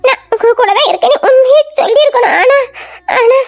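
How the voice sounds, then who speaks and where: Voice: extremely high pitch, a little fast, vocal fry, muffled recording. A performer voicing a timid, frightened young woman in an audio drama, who pleads in a tearful, anxious manner. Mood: tearful fear. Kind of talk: amateur audio drama acting.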